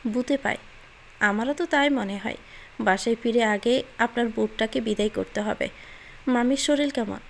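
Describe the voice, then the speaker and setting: A woman reading the part of an emotional, lovesick young woman who speaks softly and pleads in a sulky way, in a Bengali audio story. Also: on the high side, moderate pace, creaky, a little hiss or hum. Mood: teasing.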